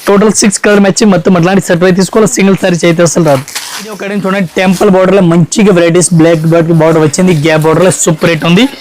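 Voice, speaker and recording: Male saree salesman, high pitch, very fast, repetitive patter. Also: steady tone, darkish tone, slight background noise, low-quality recording. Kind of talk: product showcase pitch.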